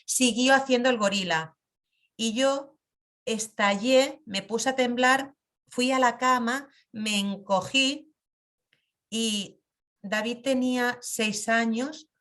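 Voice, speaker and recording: A woman teaching a class on compassion, telling personal stories in an intimate, emphatic way with pauses. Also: fairly high pitch, a bit bright. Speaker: meditation and personal growth teacher. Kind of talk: reflective lesson with personal stories.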